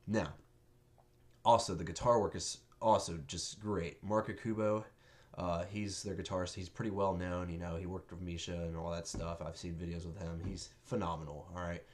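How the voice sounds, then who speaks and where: A young man with a low, deep voice that sounds stuffed up and nasal from a cold. He talks casually and bluntly, brushing off critics as he reviews an album. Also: level tone, moderate pace. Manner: blunt, offhand, defiant.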